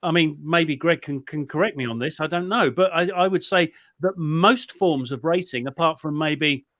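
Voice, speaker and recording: A man's voice: a little high, moderate pace, fairly bright tone, no echo, clean studio sound. A man on a panel in casual discussion, hedging and circling back over his words as he makes his point.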